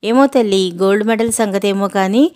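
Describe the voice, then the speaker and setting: A woman's voice: medium pitch, normal speed, a little mellow, natural voice. A woman voicing a middle-aged mother who chides her daughter in a worried way. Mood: chiding. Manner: chiding.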